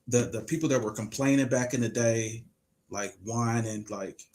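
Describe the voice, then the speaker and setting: Speaking at a normal speed with a medium, slightly mellow voice, this man in his 40s hosts a laid-back livestream podcast. He reads out comments and makes his case forcefully, leaning on rhetorical questions.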